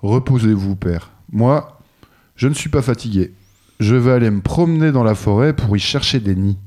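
A man's voice: mid-range voice, expressive, moderate pace, dark tone, lightly acted. A man voicing a confident, eager young student in a storybook reading. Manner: eager, self-assured.

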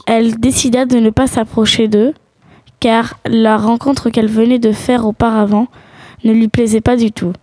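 A woman's voice: a little high, flat delivery, moderate pace, warm tone. A woman telling a children's animal tale as a storybook narrator.

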